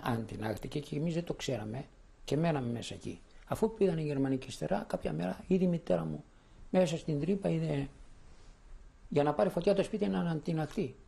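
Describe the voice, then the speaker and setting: A man's voice: a little high, vocal fry, warm tone. An older man from Thessaloniki giving spoken testimony, telling his memories as a vivid storyteller who acts out the voices of the people he quotes. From Thessaloniki, Greece.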